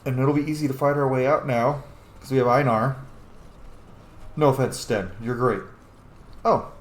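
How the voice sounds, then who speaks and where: Steady in tone and normal in pace, a man with a mid-range voice plays a game and narrates it, joking around and chatting with the characters. The space echoes and has background noise.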